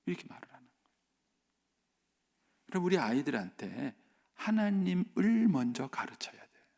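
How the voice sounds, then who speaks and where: A male pastor preaching at a dawn church service, animated and acting out the voices he quotes, now and then dropping to a near whisper. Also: mid-range voice, gravelly. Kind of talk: sermon at a dawn worship service. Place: church sanctuary.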